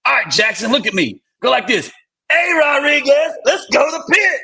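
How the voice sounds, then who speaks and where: A man's voice: very animated, moderate pace, creaky, heavily acted. A man acting out a male drill instructor who barks orders in a raised, strained voice. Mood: barking. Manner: shouting orders, high and strained.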